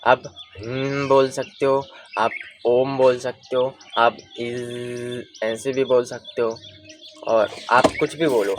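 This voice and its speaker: A man's voice: mid-range voice, fairly even intonation, slow, background noise. A young man giving a casual spoken lesson on voice and breathing, explaining patiently and checking that listeners follow. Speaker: voice coach.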